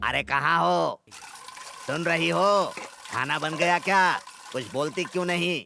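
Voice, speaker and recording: A man's voice: fairly high pitch, unhurried, vocal fry, music in the background. An actor dubbing a lazy, bossy husband who grumbles and nags his family. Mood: grumbling. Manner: nagging, grumbling. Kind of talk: Hindi film dub, comic.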